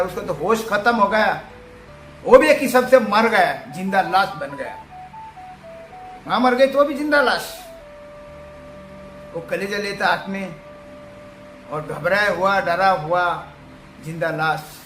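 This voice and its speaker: A man's voice: high voice, a bit bright. A man telling a religious folk tale dramatically, calling listeners brother. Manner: emotional, addresses listeners as brother. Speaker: storyteller. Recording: echoey room, faint music.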